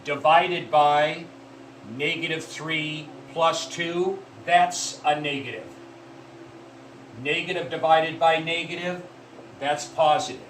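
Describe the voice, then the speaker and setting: A man's voice: fairly high pitch, steady tone, a bit bright. Man lecturing math in an echoey room. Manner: deliberate, repeats key points, addresses students as folks. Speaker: math teacher. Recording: echoey room from far off with faint noise.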